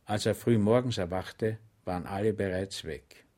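A man's voice: fairly low pitch, normal speed, a little mellow. Man reading a comic novel aloud. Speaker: audiobook reader. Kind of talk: scripted narration of a comic novel.

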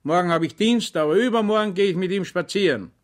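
A man reading aloud, voicing a strict, excitable army lieutenant who gives loud commands. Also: high voice, fast, voice pushed up, natural voice. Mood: stern, commanding.

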